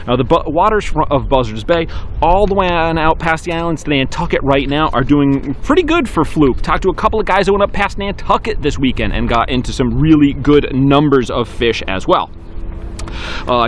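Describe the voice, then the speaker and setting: A man in his forties hosting a weekly fishing report to camera, outdoors on a dock, talking briskly and upbeat with some fillers. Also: on the high side, slight background noise.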